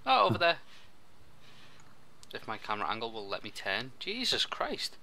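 Bright-voiced excitable young man gaming. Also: medium pitch. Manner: excitable, quick outbursts and laughs. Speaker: co-op gameplay commentator. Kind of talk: casual gaming chat.

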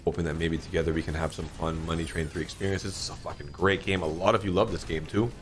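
A man in his thirties giving casual, excitable commentary while playing an online slot game, often swearing and jumping up in pitch at big moments. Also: fast talker, noisy background. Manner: excitable, swears a lot, frequent pitch jumps. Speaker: slot streamer. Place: dim home streaming room, indoors.

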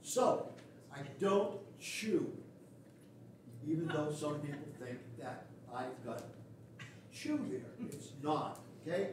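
A man's voice: a little high, big pitch swings, takes it slowly, pauses often, noisy background. An older man preaching a sermon as pastor, blunt, folksy and sarcastic. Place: small wooden church sanctuary. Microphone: far camera at the back of the pews. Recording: echoey church from far off.

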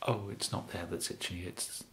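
A hushed, low voice from a young adult Englishman plays a bumbling kidnapper, apologetic and awkwardly polite, in a whispered ASMR roleplay. He sounds apologetic and musing, with a steady tone, his breathy speech halting and rambling. Slight background noise comes through the close mic.

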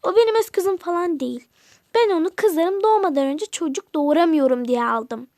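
A woman's voice: very high-pitched, normal speed, no room sound, studio quality. A woman voicing a cold, harsh mother in a toy game role-play, snapping and dismissive. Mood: scornful.

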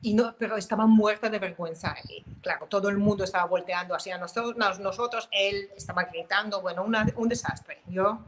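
Woman guest telling a story about her kid, animated, keeps correcting herself, middle-pitched voice. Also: brisk, few pauses, slight background noise, low-quality recording. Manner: animated storytelling with laughs, self-corrections and quoted dialogue. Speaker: guest, mother and author. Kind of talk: storytelling in an interview.

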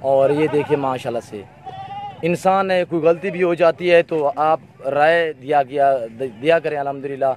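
Brief: Pakistani-accented male farm seller, fairly high voice, repetitive salesman patter, phone camera outdoors, faint road noise. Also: moderate pace, a little mellow. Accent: Pakistani Urdu, Saraiki region. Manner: repetitive, pitching, peppered with religious phrases. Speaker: goat farm owner and seller. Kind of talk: off-camera sales walkthrough of livestock. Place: outdoor goat pens on a farm.

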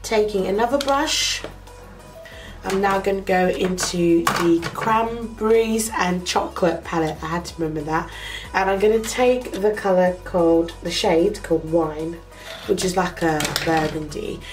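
In her small bedroom, a young makeup vlogger films close to the camera, talking through a tutorial step by step with a nasal, cold-affected voice. She speaks slowly and casually, using fillers, in a lowish pitch. Music plays in the background.

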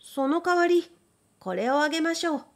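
A woman voicing a cheerful, clever young man in a read-aloud folk tale, with an eager, bright manner. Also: very high voice, animated, moderate pace, pitched above the performer's own voice.

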